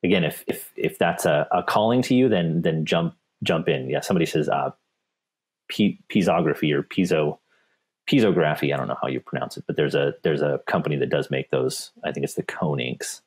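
A man's voice: rumbling low, brisk, slightly rough. A man, a technical specialist, answering viewer questions in a webinar, with frequent repeats and restarts. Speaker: paper company technical specialist.

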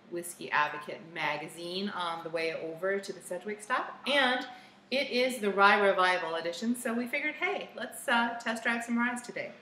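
A woman's voice: mid-range voice, bright, forceful tone, echoey room, slight background noise, poor audio. A bubbly, giggly woman co-hosting a casual whiskey tasting chat in a bar's party room. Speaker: co-host.

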